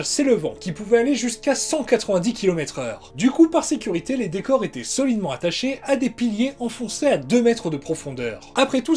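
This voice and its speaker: A man's voice: high-pitched, darkish tone. A man with a French accent narrating a casual, scripted film documentary, dropping wry, sarcastic asides.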